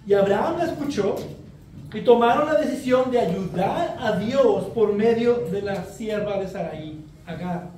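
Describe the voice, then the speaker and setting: Man, preacher, high-pitched, mellow tone, very echoey hall, distant mic. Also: slight background noise. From Mexico. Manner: expository preaching, measured and earnest. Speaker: pastor. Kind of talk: sermon.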